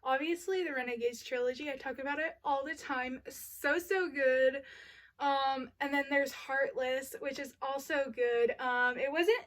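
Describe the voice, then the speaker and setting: A young woman talks through her favorite books in a relaxed, unhurried way. Her voice sits high, and she gushes with plenty of filler words. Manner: gushing, uses y'all and like often. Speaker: book vlogger. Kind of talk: casual book review chat.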